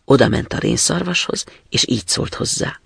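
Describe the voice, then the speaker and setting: A male storyteller reading a fairy tale aloud with expressive delivery. His voice is gravelly and husky and moves lively up and down. It is recorded close and dry. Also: medium pitch, no echo. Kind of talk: scripted storybook narration.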